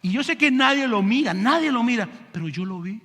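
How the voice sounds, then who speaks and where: A man playing an excited apostle, urging voice, high and lively pitch, long hall reverb. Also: a little fast, exaggerated voice. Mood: eager. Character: eager apostle Andrés bringing a boy to Jesus.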